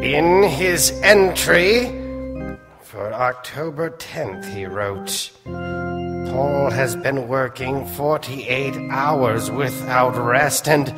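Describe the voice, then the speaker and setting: Man playing Doctor Weird, very slow eerie storyteller. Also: medium pitch. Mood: ominous. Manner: slow, theatrical, ominous. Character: macabre, leisurely male doctor telling eerie tales. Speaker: host and narrator. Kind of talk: old-time radio horror narration. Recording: echoey theater stage, organ music behind. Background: organ music.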